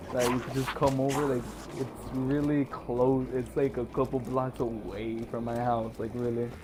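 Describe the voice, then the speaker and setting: Young guy streaming games, rambly and sweary, lots of likes, noisy background. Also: mid-range voice. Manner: rambling, swearing, many fillers. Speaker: game streamer. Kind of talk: casual chat while streaming gameplay.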